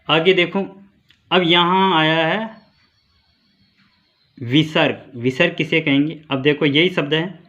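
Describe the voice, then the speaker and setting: A man teaching a school Sanskrit grammar lesson, asking questions and answering them himself, and spelling sounds out slowly syllable by syllable. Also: mid-range voice, fairly bright tone, muffled recording.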